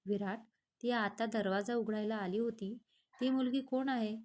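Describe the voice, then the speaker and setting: A woman's voice: a little high, steady tone, moderate pace, a little mellow, lightly acted. A woman voicing a chatty young man who teases his friend, in a read-aloud storybook. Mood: earnest. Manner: teasing, chatty. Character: young man, lovestruck, pushy, joking friend.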